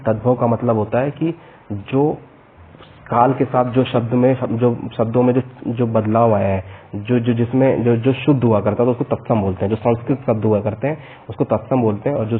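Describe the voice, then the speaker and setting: This is a Hindi exam vocabulary lesson from a man with a North Indian accent and a slightly rough, mid-range voice. He reels off word lists of synonyms and pairs, occasionally pausing to explain, over tinny, narrow-band lo-fi audio.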